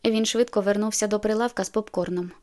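A woman narrating a novel in the first person, in a measured, intimate storytelling manner. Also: mid-range voice, fairly even intonation, a little mellow. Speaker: audiobook narrator.

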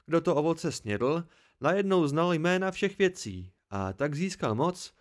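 A man's voice: a little high, lively intonation, voice pushed up, natural voice. A man doing a boastful old village storyteller.

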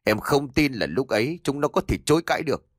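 A man's voice: medium pitch, big pitch swings, dry recording, clean studio sound, voice pushed up. Man voicing a snarling vengeful young captor. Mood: intent. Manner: harsh, snarling, rapid insults.

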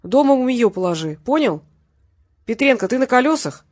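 A stern, bearded man giving brisk, fatherly orders, as a woman narrator puts him on. His manner is curt and commanding, with no wasted words. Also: on the high side, animated, darkish tone, pitched above the performer's own voice.

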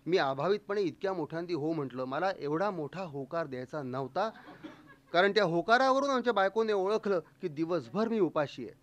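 A man spins a comic first-person tale, his voice sitting high. He tells it playfully and slips in quick voices for the people he quotes. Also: expressive. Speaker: storyteller. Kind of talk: humorous first-person storytelling.

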